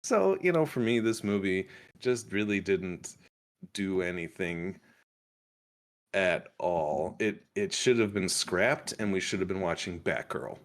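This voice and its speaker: Speaking in a low voice at a measured pace, a man reviews a film in casual livestream chat. He rambles, restarts a lot, and breaks into sudden animated outbursts.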